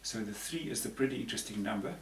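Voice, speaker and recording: This Zambian man in his sixties, a panel guest, speaks fast in a fairly low voice, rambling conversationally through his explanations and repeating words often. A patterned tapestry hangs behind him. Recording quality: roomy and distant, with a faint hiss.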